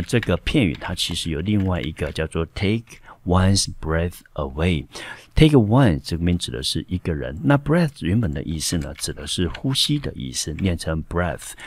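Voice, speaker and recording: Low-voiced male teacher explaining vocabulary. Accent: Taiwanese Mandarin. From Taiwan. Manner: step-by-step explanations with frequent fillers. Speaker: high school English teacher. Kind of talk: explaining a textbook lesson.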